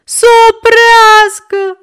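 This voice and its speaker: A woman's voice: high-pitched, very animated, voice pushed up. A woman reading aloud and voicing a spoiled, rude little boy who whines and shrieks. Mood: shrieking. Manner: whiny, shrieking, insolent.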